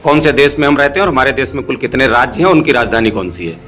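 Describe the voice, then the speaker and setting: A man with a mid-pitched voice fires off short quiz questions as an interviewer. His pace is quick, and faint music runs behind. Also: animated. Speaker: interviewer quizzing a child.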